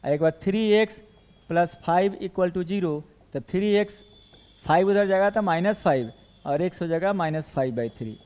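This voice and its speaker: High-voiced man teaching a math class. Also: moderate pace, darkish tone. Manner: explains step by step, asks the class questions. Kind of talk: classroom lecture.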